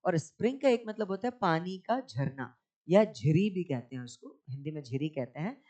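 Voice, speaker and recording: A man's voice: on the high side, animated, moderate pace, mellow. A man teaching an English reading lesson in Hindi and English, explaining word meanings patiently and quizzing his listeners. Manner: patient, repeats words and asks quiz questions.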